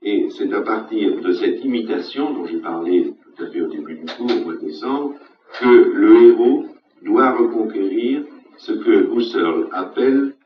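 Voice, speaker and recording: A man giving a university lecture in a measured, emphatic way, repeating his key phrases for weight. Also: lowish voice, lively intonation. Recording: roomy, distant, dull lecture-hall recording.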